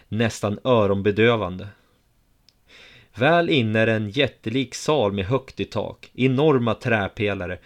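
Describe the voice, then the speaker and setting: A man reading a first-person story aloud in a steady, measured way. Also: lowish voice.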